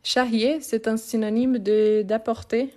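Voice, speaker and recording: A woman's voice: fairly high pitch, steady tone, unhurried, dark tone. A woman teaching French grammar in a live online lesson, repeating and spelling out each word and answering viewers' questions.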